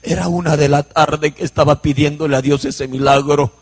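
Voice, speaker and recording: A man's voice: on the high side, fairly even intonation, normal speed, big-room sound. A man from Huánuco, preaching his personal testimony in an emotional, storytelling way. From Huánuco, Peru. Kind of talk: sermon testimony.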